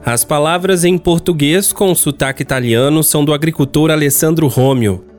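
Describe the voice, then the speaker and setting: A man's voice: on the high side, normal speed, music in the background. A man with a Brazilian accent reading scripted news narration as a radio reporter.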